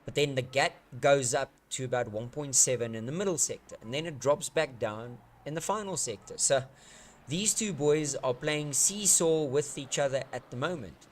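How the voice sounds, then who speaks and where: A man giving playful, excitable live commentary on a sim race, joking and swearing as the action unfolds. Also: mid-range voice, moderate pace, a little hiss or hum. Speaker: sim racing commentator, streamer.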